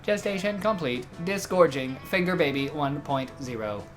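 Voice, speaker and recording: A literal-minded robot voiced by a man for a tabletop game. He speaks in stilted, formal phrases with pedantic deadpan, over faint background music. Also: a little high, normal speed, close to an everyday voice. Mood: mechanical announcing. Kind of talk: in-character tabletop game role-play.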